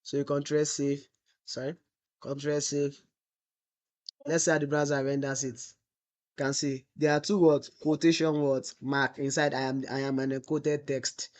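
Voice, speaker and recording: Flat delivery, moderate pace, and a voice on the high side mark this male instructor. He's teaching web development in a screen-recorded tutorial, asking the class "what?" and answering it himself while drawling the typed example text.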